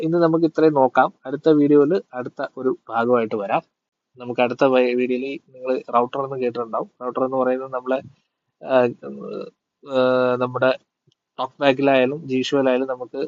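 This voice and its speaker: A man's voice: medium pitch, no echo, dull audio. Hesitant man teaching a phone tutorial. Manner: hesitant, with many fillers. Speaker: tech tutor. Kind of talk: casual tutorial.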